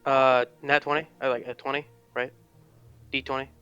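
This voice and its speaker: A man playing in a tabletop game over an online call, tentative and unsure of himself. His voice is smooth and clear but stays flat in pitch. Faint music runs underneath. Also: moderate pace, highs cut off. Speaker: player. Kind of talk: casual tabletop play.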